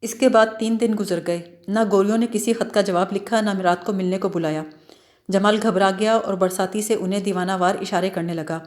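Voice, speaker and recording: A woman narrating a literary novel in a calm, measured audiobook reading. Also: mid-range voice.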